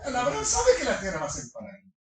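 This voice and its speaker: A middle-aged man preaching a sermon to his congregation, animated, firing rhetorical questions and slipping in humorous asides. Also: very high-pitched, quick pace. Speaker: pastor. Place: large congregation hall. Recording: echoey hall from far off.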